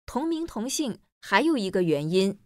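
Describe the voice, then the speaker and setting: A woman playing a teacher in a scripted textbook listening dialogue, explaining clearly and evenly. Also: medium pitch, sing-song, moderate pace, no room sound, studio quality.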